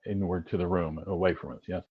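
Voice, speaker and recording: A man's voice: low voice, steady tone, fast talker, husky. A man playing a tabletop game who talks hesitantly, with formal wording and many fillers. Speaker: player. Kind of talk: tabletop game play over a stream. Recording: dull lo-fi sound.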